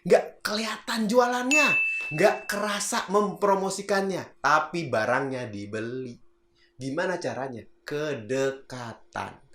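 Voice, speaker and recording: A man's voice: a little high, unhurried, background noise. Chatty man coaching in an echoey room. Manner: chatty, acts out example voices, laughs at own jokes. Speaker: public speaking coach. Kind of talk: casual video lesson. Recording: roomy echo.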